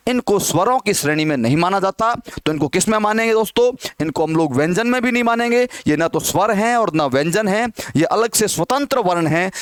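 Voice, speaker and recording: Male Hindi teacher, high-pitched, dry close recording, asks and answers his own questions, drills pronunciation. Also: dry recording. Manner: asks the class questions and answers them himself; repeats words slowly to model pronunciation. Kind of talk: classroom grammar lesson.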